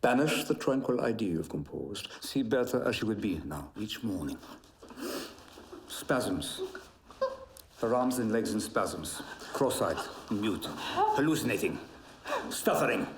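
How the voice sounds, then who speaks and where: An actor playing an intense philosopher who guides a patient in a film drama. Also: male voice, fairly low pitch, lively intonation, a little slow, echoey room, background noise. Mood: coaxing. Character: intense male philosopher acting as therapist.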